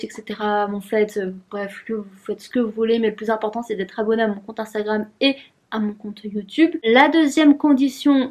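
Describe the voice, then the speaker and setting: A woman's voice: on the high side, darkish tone. A young woman chatting casually in a vlog at her desk at home, giggly and talking to herself as she unboxes things. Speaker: vlogger.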